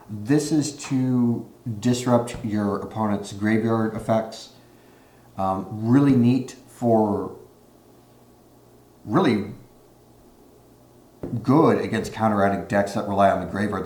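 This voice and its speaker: A man giving a casual card game deck walkthrough with relaxed, explanatory talk, recorded in low-quality audio without his usual mic. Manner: relaxed, explanatory, frequent "uh" fillers. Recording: echoey room on a makeshift mic.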